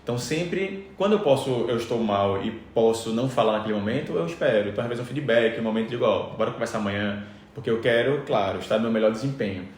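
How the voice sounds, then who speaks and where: A man speaks quickly and emphatically, tossing in conversational fillers as he explains. His voice sits at a middle pitch. The room adds noticeable echo, with a faint ambient hum behind him. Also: lively intonation, a little mellow. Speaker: podcast guest, business speaker.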